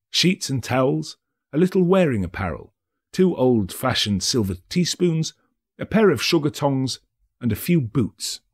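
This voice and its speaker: A male actor narrates a classic story in dramatic audiobook style. His pitch moves with lively variation, and there is a slightly rough, husky grain to the voice.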